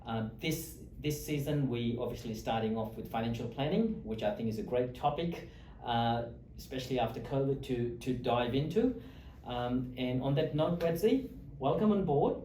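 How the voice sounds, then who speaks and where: A man hosts a relaxed interview, rambling amiably through fillers and restarts. His voice is mellow and his pitch sits in the middle. The room rings with echo, and he sounds a little distant from the mic. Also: normal speed, a little hiss or hum. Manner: friendly, talkative with frequent fillers and restarts. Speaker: host, lawyer. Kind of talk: interview chat. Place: office or meeting room in Australia.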